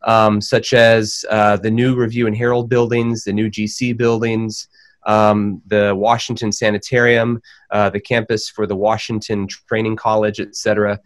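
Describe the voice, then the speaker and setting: A man's voice: fairly low pitch, little pitch movement, moderate pace. Thoughtful man telling a life story. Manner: thoughtful, many fillers and restarts. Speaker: panel guest, biography writer. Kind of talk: conversational panel discussion.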